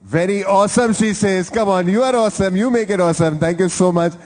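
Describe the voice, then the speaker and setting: A man's voice: sits high, fast talker, a little mellow. Playful male event host in a big hall. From India. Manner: playful, teasing, chatty. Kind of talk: lively crowd interviews. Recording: hall reverb from a live venue.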